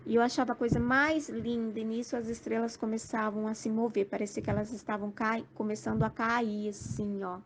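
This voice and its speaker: A woman recounts a dream as a testimony, slowly and repetitively, with many small fillers. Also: a little high, little pitch movement, slight background noise. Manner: slow, repetitive storytelling with many "assim" and "sabe" fillers.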